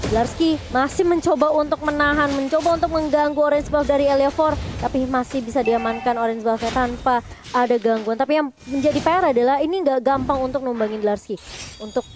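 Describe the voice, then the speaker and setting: A woman's voice: high-pitched, a little fast. An Indonesian woman giving running commentary and analysis on an esports match. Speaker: esports shoutcaster.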